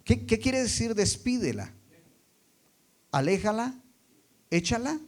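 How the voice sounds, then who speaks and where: A man preaching a sermon, dropping quiet and then rising loud for emphasis, and putting rhetorical questions to the congregation. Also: sits high, takes it slowly. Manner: expressive, swings between soft and loud for emphasis.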